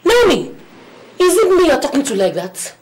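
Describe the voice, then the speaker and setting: A woman's voice: sits high, huge pitch swings, moderate pace. A woman with a Nigerian accent playing a bossy older mother-in-law who dotes on her son, speaking in a dramatic, theatrical way. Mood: defiant. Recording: echoey room, loud background noise.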